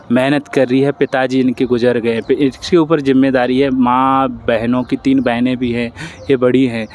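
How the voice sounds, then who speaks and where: A man's voice: medium pitch, darkish tone. Male host, mid-range voice, earnest and comforting, faint noise behind. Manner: earnest, consoling. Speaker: interviewer, channel host. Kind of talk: interview and appeal to viewers.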